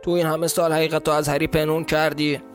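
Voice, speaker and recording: A huge, hot-tempered gamekeeper with a southern Iranian accent, blunt and quick to bristle, as a man reads him aloud. He speaks in a plain mid-pitched voice, and soft music runs under the storybook reading. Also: expressive, lightly acted. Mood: angry. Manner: blunt, indignant.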